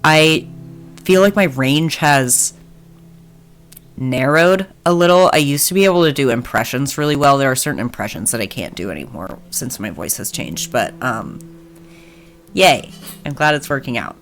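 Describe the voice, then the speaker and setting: A man's voice: medium pitch, lively intonation, moderate pace, fairly bright tone. A man chatting casually on a live stream, hesitant and self-deprecating as he reads a game aloud.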